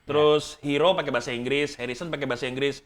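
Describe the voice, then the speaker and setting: Man, Indonesian accent, rapid speech, sharp bright voice, informal slang, casual interviewer. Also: medium pitch, steady tone. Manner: informal slang with mild swearing. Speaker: interviewer, fellow coffee competitor. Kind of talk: casual chat.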